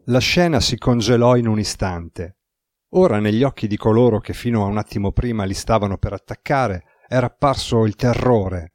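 A man giving a steady, measured scripted narration of a novel as an audiobook reader. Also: on the low side, no echo, clean studio sound.

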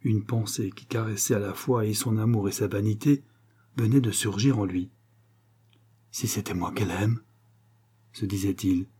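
A man reading a romance novel aloud as an audiobook narrator, in a measured literary manner. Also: fairly low pitch, warm tone, husky.

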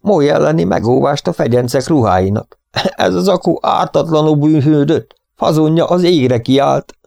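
A man doing a vain, fretful stage actor in an audiobook, his voice lifted high and theatrical. He complains in a self-pitying, dramatic manner, heard close and dry. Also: animated, creaky, mellow, dry recording. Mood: fussy.

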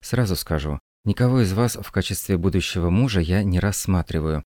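Brief: man reading a calm, businesslike young woman, low voice lifted a little, dry close sound. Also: no echo. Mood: lecturing. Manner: calm, measured, firm. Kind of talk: audiobook reading.

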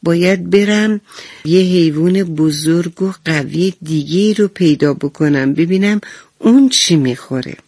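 A woman's voice: lowish voice, darkish tone, dry recording, studio quality. A woman voicing a playful, curious little frog in a children's radio story, asking eager questions.

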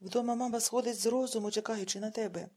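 A woman voicing a young daughter gently coaxing her father, in her husky audiobook voice. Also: fairly high pitch, steady tone, quick pace.

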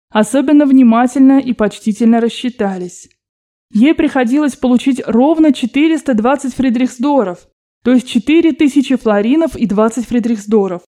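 Woman narrator, audiobook, steady expressive read, slightly high, warm tone.

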